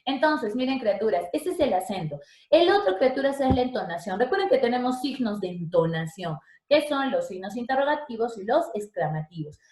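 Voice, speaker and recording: Woman, teacher; higher voice, chatty classroom delivery, echoey room sound. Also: very animated, brisk, a little mellow. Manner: chatty, checks in with students often. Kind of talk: online language lesson. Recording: roomy echo.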